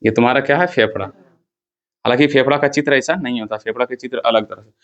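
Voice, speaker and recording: A man's voice: medium pitch, fast talker, muffled recording. Teacher drilling his class. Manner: quizzes the class with call-and-response questions, repeating key terms. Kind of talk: classroom lecture. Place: classroom with students.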